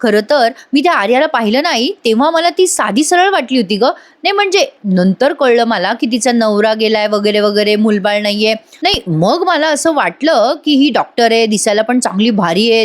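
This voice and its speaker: A woman voicing a modern young daughter who coaxes and explains with impatience. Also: high voice. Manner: coaxing, exasperated.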